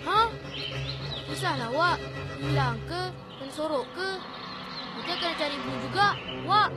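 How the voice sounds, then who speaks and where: A woman's voice: high-pitched, lively intonation, a little slow. A woman voicing whiny, bickering village boys in a voice drama. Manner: whining, calling out. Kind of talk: amateur voice drama. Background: music.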